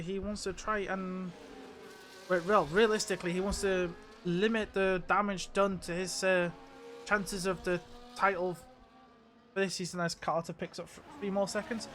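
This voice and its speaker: A man's voice: high voice, a bit bright. A man commentating live on an online race, chatty, often restarting his sentences. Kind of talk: live sim racing commentary.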